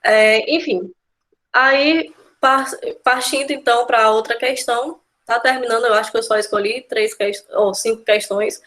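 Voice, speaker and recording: Slight background noise accompanies a Brazilian-accented Portuguese teacher whose voice is a little high, a bit bright, steady in tone and unhurried. She breaks down exam-prep grammar step by step, adding "né?" and "tá?" checks throughout.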